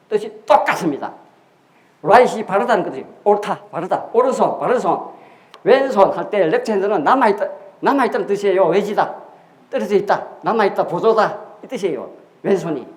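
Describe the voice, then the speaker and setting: Guy teaching a class, talks kinda high, keeps repeating words and asking questions, roomy echo. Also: darkish tone. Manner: explains step by step, asking rhetorical questions and repeating key words. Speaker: lecturer on Korean history and Chinese characters. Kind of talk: classroom lecture. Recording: echoey room.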